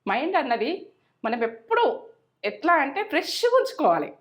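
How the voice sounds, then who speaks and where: A woman's voice: high voice, very animated, fairly quick. A middle-aged woman hosts a cooking channel, chatting and giving homely advice and repeating herself as she goes. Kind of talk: casual cooking chat with advice.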